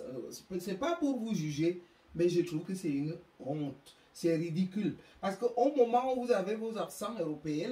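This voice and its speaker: A woman's voice: lowish voice, warm tone. A woman from Africa lecturing parents in an emphatic, reproachful way, tripping over and repeating words as she hunts for the right one. She sits well back from the microphone, and her voice rings around an echoey room. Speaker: speaker on parenting. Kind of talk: public talk to parents. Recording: echoey room, distant mic.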